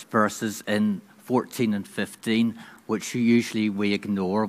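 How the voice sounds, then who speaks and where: A man's voice: medium pitch, a bit bright. Man giving a conversational sermon. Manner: conversational, hesitant with restarts, dramatizing. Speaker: preacher.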